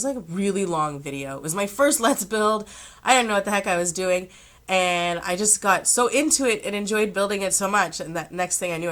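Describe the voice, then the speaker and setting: A young woman with a sick, slightly rough voice, chatting casually to her channel with rambling asides and throat-clearing. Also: medium pitch, fairly bright tone. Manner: chatty, rambling, self-amused. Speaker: vlogger. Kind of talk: casual chat.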